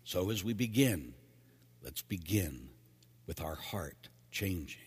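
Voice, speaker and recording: A man's voice: sits low, animated, slow, slightly rough, big-room sound. A man speaking as a priest, reading scripture and then giving a plain-spoken, emphatic homily with casual asides.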